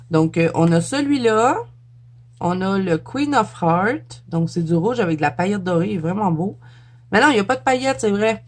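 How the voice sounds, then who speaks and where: Chatty Quebec French woman, laughing often. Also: medium pitch. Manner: chatty, laughs often, trips over words. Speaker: YouTuber. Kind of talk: casual show-and-tell vlog.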